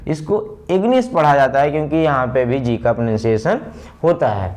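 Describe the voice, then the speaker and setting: A man teaching pronunciation, slowly drilling word patterns and repeating examples. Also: mid-range voice, animated, darkish tone. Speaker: English teacher. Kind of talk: pronunciation lesson.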